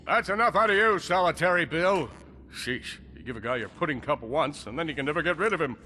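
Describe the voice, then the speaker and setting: An actor playing a pompous galactic hero captain who tells a story theatrically in a video game. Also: male voice, on the high side, animated, a little fast, sharp tone, a little hiss or hum. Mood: exasperated. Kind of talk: video game cutscene narration and dialogue. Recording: music behind the voice.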